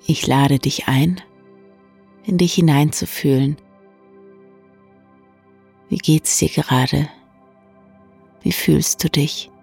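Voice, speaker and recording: This bedtime guided meditation comes in a hushed, soothing, medium-pitched voice that is husky with vocal fry, leaving long pauses as the guide and story reader eases listeners into evening relaxation. Soft new-age music plays underneath.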